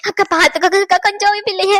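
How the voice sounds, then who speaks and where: A woman voicing a distraught middle-aged mother who swings from wailing to shouting threats, in a Tamil cartoon dub. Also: very high-pitched, steady tone, very fast, no room sound. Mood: tearful. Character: distraught middle-aged mother, fierce to her daughter-in-law.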